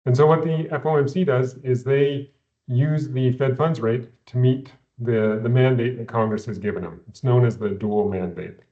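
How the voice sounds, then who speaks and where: A man, an investment adviser, explaining economics in a measured way, often repeating words at the start of phrases, heard over a video call. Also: mid-range voice, steady tone, warm tone, highs cut off. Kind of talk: explaining economics in a recorded company Q&A.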